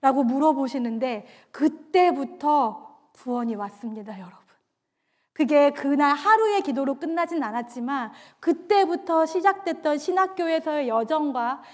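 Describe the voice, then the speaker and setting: A woman pastor giving a sermon and telling her own faith story, earnestly acting out the lines she quotes. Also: sits high. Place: church sanctuary.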